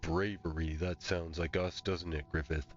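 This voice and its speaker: A man's voice: deep voice, level tone, normal speed, muffled recording, faint music behind. A man improvising in character as a fantasy game player, bantering in a folksy way. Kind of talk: improvised in-character role-play chat.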